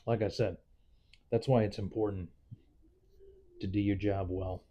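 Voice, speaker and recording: A man's voice: on the low side, level tone, a little slow, dark tone. A man talking candidly in a casual, rambling, reflective vlog monologue, like a nurse giving advice to newcomers.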